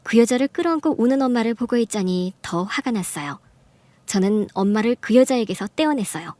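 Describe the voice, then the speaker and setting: A woman's voice: a little high, animated, a little fast, dry recording, close to an everyday voice. A woman voicing a furious betrayed wife. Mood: calm narration. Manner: fierce, shouting accusations. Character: furious betrayed young wife, sharp-tongued. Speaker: narrator and wronged wife. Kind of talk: Korean radio drama narration.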